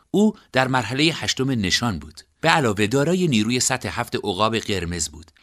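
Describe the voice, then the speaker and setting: A man narrating an audiobook in an expressive storytelling manner. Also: on the low side.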